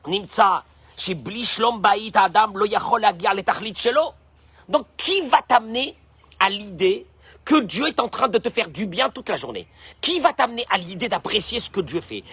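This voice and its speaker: A man preaching with a bright, husky voice that swings widely in pitch. He asks rhetorical questions, acts out voices, and quotes Hebrew passages. The recording is close and dry. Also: no room sound. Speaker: rabbi. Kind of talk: sermon.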